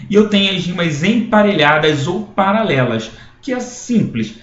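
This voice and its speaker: A man's voice: high-pitched, lively intonation, moderate pace, slight background noise. Man teaching a poetry lesson, echoey. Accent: Brazilian Portuguese. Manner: explanatory, with frequent checking tags and restarts. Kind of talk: recorded classroom lecture. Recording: echoey room, dull lo-fi sound.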